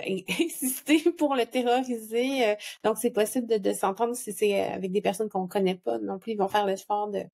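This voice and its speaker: A woman's voice: medium pitch, vocal fry, a little mellow. A woman with a Québécois French accent, a guest author talking in a casual panel chat, hesitant with many fillers and restarts. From Quebec.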